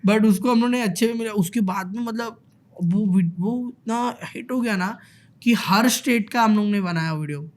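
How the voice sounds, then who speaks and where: A male content creator telling animated stories in a casual chat, mixing English words into his Hindi. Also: high voice, moderate pace.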